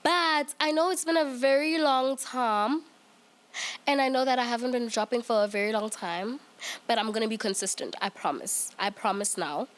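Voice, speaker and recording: A woman in her twenties hosts a relaxed chat with her sister. She is talkative and giggly, restarting sentences as she goes, and her voice sits a bit high. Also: normal speed. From South Africa. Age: 20s. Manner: chatty, giggly, many restarts. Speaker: podcast host. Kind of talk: casual chat.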